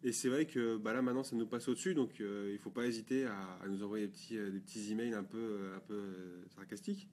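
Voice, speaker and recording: A man's voice: lowish voice, fairly even intonation, fast, hardly any pauses, a little mellow, slight background noise. A man co-hosting a photography blog video, chatting casually and rambling with fillers and restarts. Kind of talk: casual chat.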